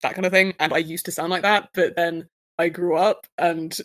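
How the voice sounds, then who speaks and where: Fairly low in pitch and fairly bright in tone, a young woman from Guildford speaks with a Southern English accent at a moderate pace with fairly even intonation. She's a player in a rambling, casual chat filled with fillers, recorded with no room sound.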